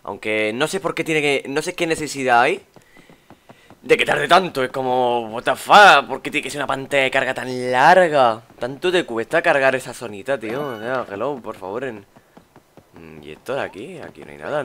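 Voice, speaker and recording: A man's voice: mid-range voice, expressive, moderate pace, a bit bright. A young man from Spain commenting on a game he is playing, chatty and exclaiming, muttering while he searches. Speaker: gaming YouTuber. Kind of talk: let's play commentary.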